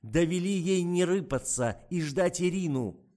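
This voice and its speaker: A man's voice: high-pitched, animated, a little slow, mellow, voice pushed up. A man voicing a stern woman posing as an investigator, issuing curt commands in an audiobook. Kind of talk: audiobook character voice.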